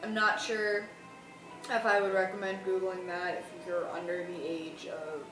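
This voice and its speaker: Sounding tired, a young adult student talks through a casual, colloquial explanation for her vlog in a rambling way. Her fairly low voice is flat and unhurried over music, recorded on a distant mic in a roomy space with faint noise.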